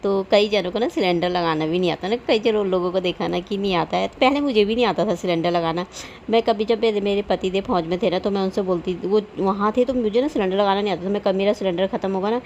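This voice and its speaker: Woman chatting thru her daily home vlog, rambly and homey, normal mid pitch, bit of faint noise behind. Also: fast, darkish tone, dull audio. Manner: chatty, rambling, homely, with frequent filler tags. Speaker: home vlogger. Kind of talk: casual voice-over vlog narration.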